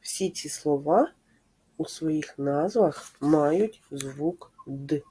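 A woman speech therapist giving a slow, clear lesson to preschool children, patiently asking questions and confirming their answers. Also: low voice, mellow.

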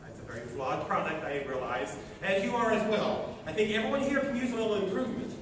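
Recorded from far off by a camera at the back of a large lecture hall, a sixty-year-old man from Oklahoma gives a motivational speech at a sustainability meeting. He speaks quickly in a high voice, using short, emphatic phrases. The sound is echoey and noisy.

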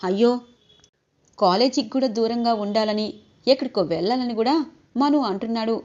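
A woman's voice: fairly high pitch, normal speed, a little mellow, lightly acted. Insistent middle-aged brother, read by a female narrator, lo-fi. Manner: firm, pleading, insistent. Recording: dull lo-fi recording.

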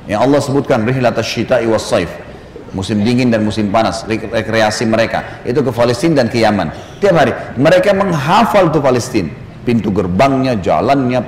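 Male preacher storytelling to the congregation, super lively pitch, echoey hall. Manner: animated storyteller addressing the congregation, acting out quotes. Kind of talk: storytelling sermon lecture. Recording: echoey hall with faint background noise.

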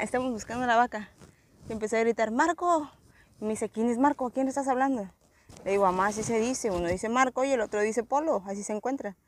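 A woman's voice: a little high, dry recording. A young woman with a Mexican accent, chatting casually and exclaiming as she vlogs outdoors in rural cornfields. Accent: Mexican Spanish. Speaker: vlogger. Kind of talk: casual vlog narration.

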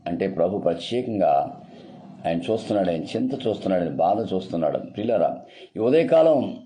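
A man's voice: low voice, big pitch swings, fairly quick, warm tone. A male pastor preaching a sermon earnestly, repeating phrases and calling his listeners beloved.

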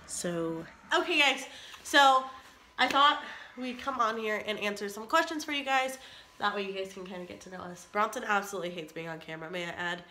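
A young woman in her twenties chats to camera for her vlog, upbeat and full of "like"s, her voice stuffy from a cold. She talks a little fast in a mid-range, pushed, bright voice with lively intonation, and there's slight background noise.

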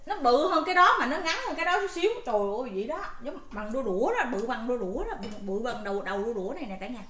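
A mother telling a family story in a casual vlog, animated and full of exclamations. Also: a little high, very fast, roomy sound.

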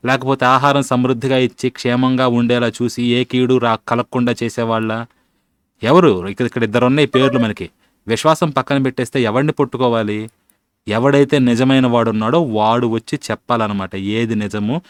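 A man's voice: mid-range voice, dry recording. A man hosting a commentary channel, arguing his point in with plenty of rhetorical questions. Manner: argumentative, asks rhetorical questions, colloquial. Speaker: channel host. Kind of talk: critical commentary on religion.

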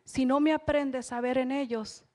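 A woman's voice: high-pitched, steady tone, moderate pace, mellow. A woman, preaching a church sermon in an earnest way and repeating phrases for emphasis. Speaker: lay preacher. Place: church service.

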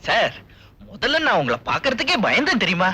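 A cheeky young lover from an old film, with a high, lively, bright voice and a husky edge. He banters and jokes, with music under the scene. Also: normal speed, heavily acted. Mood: bantering. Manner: playful, bantering, laughs often. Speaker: young suitor. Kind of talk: 1980s film dialogue.

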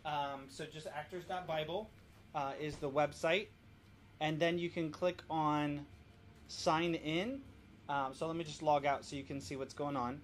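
Hosting a family worship demo from home, this man walks through things informally, step by step. He speaks with a slightly high voice in a steady tone and at a measured pace. The home recording is noisy.

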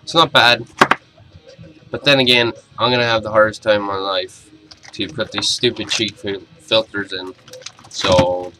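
A man's voice: on the low side, fairly even intonation, a little slow, music in the background. A young adult man giving a casual video review in a blunt, informal way. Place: small cluttered bedroom, indoors.

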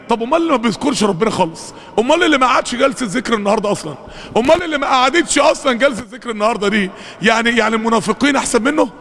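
Fervent high-pitched Egyptian preacher. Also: male voice, big-room sound. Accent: Egyptian Arabic. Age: 40s. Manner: fervent, chants Quran verses in rising drawn-out shouts. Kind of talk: sermon.

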